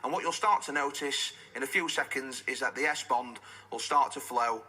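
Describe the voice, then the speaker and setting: A man presenting a live home shopping demonstration, explaining step by step with emphatic, instructional selling and a husky voice. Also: medium pitch, moderate pace, bright, forceful tone, rough recording.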